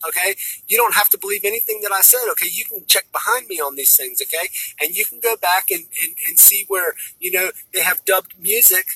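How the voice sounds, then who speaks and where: A man's voice: high-pitched, brisk, bright, forceful tone, breathy edge, dry recording, low-quality recording. A man giving a rambling spiritual monologue, tagging "okay?" onto nearly every phrase and often repeating and restarting his words. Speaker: spiritual speaker.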